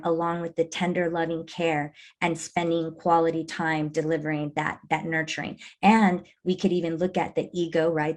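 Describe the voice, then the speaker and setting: A woman's voice: deep voice, a little mellow. A woman hosting an interview, responding thoughtfully and affirming her guest's ideas. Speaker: host. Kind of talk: conversational interview.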